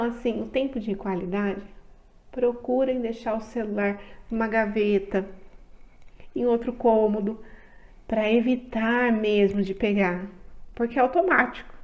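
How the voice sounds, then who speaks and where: A woman with a Brazilian accent giving calm advice to parents, often checking in with "tá?". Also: fairly high pitch, moderate pace, lo-fi sound. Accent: Brazilian Portuguese. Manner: gentle advice with frequent "tá?" check-ins. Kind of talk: talking to parents.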